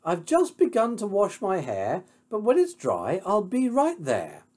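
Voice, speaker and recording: A storyteller puts on a young, fearless fairy-tale girl. The voice is high and sweet, with a breezy, polite sing-song lilt. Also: wildly swooping pitch, measured pace, a little mellow. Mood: sweetly confident.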